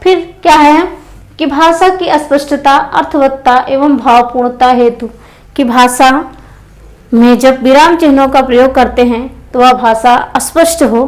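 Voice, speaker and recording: High-voiced woman teaching a grammar lesson. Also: low-quality recording. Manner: repeats key phrases and asks the class questions. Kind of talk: exam-prep grammar lesson.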